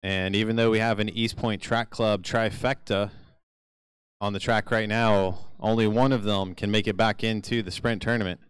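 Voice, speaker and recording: A man announces a live bicycle race with a very clear, ringing voice and a dry, close sound. He mixes play-by-play with light jokes and asides in a relaxed, playful manner. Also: fairly low pitch, moderate pace, dry recording. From Kentucky. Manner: jokey, playful asides between race calls. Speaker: track announcer. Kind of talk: live race commentary over PA.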